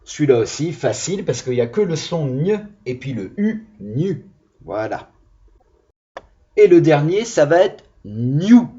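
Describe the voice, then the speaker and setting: Slow, lively-voiced male teacher. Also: fairly high pitch. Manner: slow, deliberate, over-articulated syllables. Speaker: primary school teacher. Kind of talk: video reading lesson for children. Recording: dull lo-fi sound.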